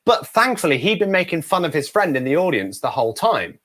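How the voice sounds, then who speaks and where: A man talks as an interview guest, bringing his stories to life with energy and frequent laughter. His voice is bright and forward and sits a little high for a man. His pitch leaps around as he tells the story. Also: a little fast. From United Kingdom. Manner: animated, acts out the people in his stories; laughs often while telling. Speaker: guest ventriloquist.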